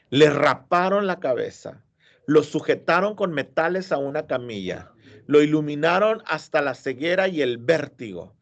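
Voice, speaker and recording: A man's voice: on the high side, muffled recording. Man teaching a literature class. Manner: explanatory, asks the class check questions. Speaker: high school literature teacher. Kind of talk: classroom lecture reading and analyzing a story.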